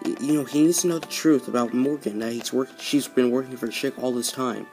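A man's voice: mid-range voice, quick pace, a little mellow, faint music behind, natural voice. A man voicing an anxious, earnest male car friend in a homemade toy story, stammering and short of breath. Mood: pleading.

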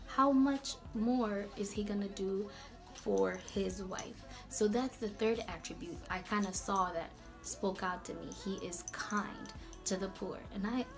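A woman hosting a casual Bible talk vlog in a chatty, slangy, animated way. Her voice is going hoarse. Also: mid-range voice, a little slow, soft background music. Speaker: video host.

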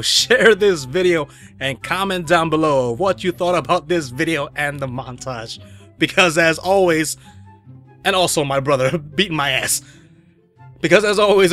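A man's voice: on the high side, a bit bright. A man vlogger rambling through a casual outro, correcting himself and chuckling.

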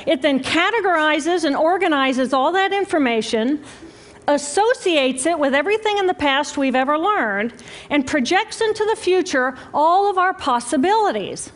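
Female scientist, high-pitched, delivering a public lecture with measured, emphatic pacing. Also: lively intonation. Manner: slow, deliberate, emphatic phrasing with pauses. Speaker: brain scientist giving a talk.

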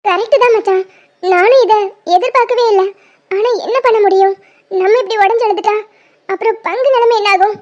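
A woman's voice: extremely high pitch, fairly even intonation, fairly quick, long pauses, darkish tone, no room sound, highs cut off. A woman voicing a bossy, sensible young wife in a cartoon, who talks in a scolding, lecturing way. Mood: arguing. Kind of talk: cartoon voice acting.

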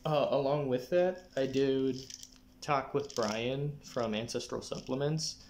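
A young man gives a casual personal update to camera in a mid-pitched voice, with throat clearing between thoughts. He is recorded indoors at arm's length, with faint noise behind him. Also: slow pace, darkish tone. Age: young adult. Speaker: vlogger giving a personal health update. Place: small living room, indoors. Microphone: phone or camera at arm's length.

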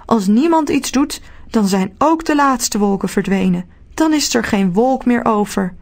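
A woman's voice: fairly high pitch, animated, unhurried, a little mellow. A woman voicing a small, cheerful man who lives in the clouds and calls out a sing-song greeting. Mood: urgent, pleading.

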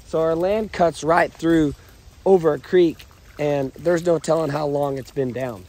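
A man's voice: on the high side, fairly even intonation, measured pace, warm tone. A man with a scratchy voice from a cold, casually explaining fence repairs outdoors on his rural property. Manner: easygoing, explains work step by step. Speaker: ranch vlogger. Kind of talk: casual outdoor vlog narration. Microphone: camera-mounted action cam.

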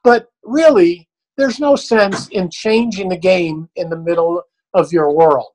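A man's voice: high-pitched, a little slow, darkish tone, low-quality recording. An older man, a dog trainer, answering questions in a blunt, folksy, plain-spoken way.

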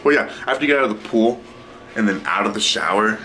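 Holding his camera at arm's length in a small apartment, a young man in his twenties does a casual home vlog, joking around and teasing. He talks quickly in a fairly low, animated voice with a sharp edge, over slight background noise.

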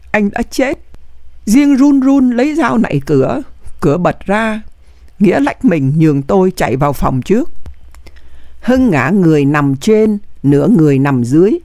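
An audiobook reader tells a wartime memoir with strong emotion. The pitch moves widely across each phrase, and the voice sits dry and close to the mic, with no room sound. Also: darkish tone, no echo. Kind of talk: dramatic memoir reading.

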